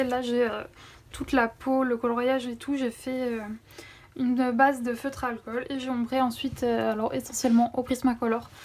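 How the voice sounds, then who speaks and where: A young woman vlogger with a higher-than-average voice chats eagerly about the coloring books she bought, dropping fillers throughout. She records on a phone camera, and there's background noise.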